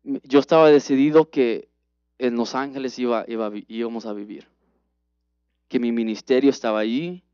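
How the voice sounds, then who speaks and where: A man preaching a personal testimony sermon in an earnest, halting way with many restarts. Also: medium pitch, fairly even intonation, mellow, smooth, dry recording. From United States. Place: church. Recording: dull, dry livestream audio.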